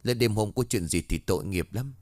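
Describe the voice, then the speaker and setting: A man's voice: fairly low pitch, a little fast, darkish tone, no echo, natural voice. A man voicing a caring, earnest young village daughter. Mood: pleading.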